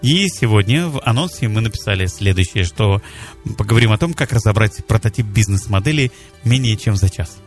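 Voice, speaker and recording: A man's voice: fairly low pitch, lively intonation, brisk, faint music behind. A male radio host presenting a live morning show on air, addressing listeners over the radio from a studio.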